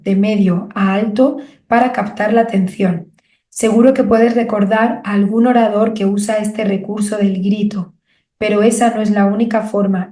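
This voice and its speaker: Woman from reading a how-to audiobook, calm measured teacher tone, bit of room echo. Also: mid-range voice. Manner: clear, measured, didactic delivery with rhetorical questions. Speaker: audiobook narrator and author. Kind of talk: instructional audiobook narration.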